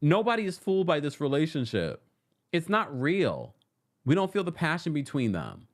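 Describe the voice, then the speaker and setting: A man with a slightly high voice, speaking at normal speed, hosts a live-stream recap show. He reads fan messages aloud and riffs on them in a sassy, animated way, laughing often.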